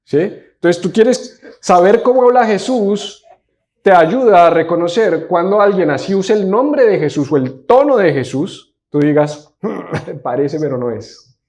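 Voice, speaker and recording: A male pastor delivers a church sermon in an emphatic, lively style. His voice sits a bit above the typical male range, and he keeps asking rhetorical questions and drawing the congregation into call-and-response. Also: high-pitched, measured pace. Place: church service.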